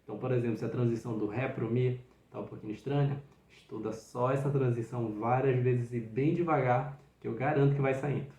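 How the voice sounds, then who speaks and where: A man's voice: medium pitch, fairly even intonation, brisk, hardly any pauses, mellow. A man, a flute teacher explaining technique in a patient, encouraging, step-by-step way. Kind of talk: instructional video. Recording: roomy echo.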